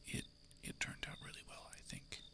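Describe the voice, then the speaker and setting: A man whispering casual, chatty ASMR into a close microphone, breathy and soft, with self-amused asides. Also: moderate pace. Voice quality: breathy whisper with creaky edges. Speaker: ASMR artist and host. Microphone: close microphone through an audio interface.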